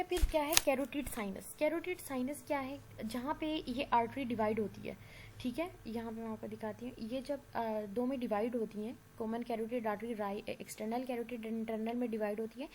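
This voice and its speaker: In this recorded anatomy lecture, a woman with a sore throat speaks in a fairly high, slightly mellow voice, explaining things patiently and frequently asking "theek hai" to check on her students. She blends in English medical terms. The audio is rough, with faint background noise.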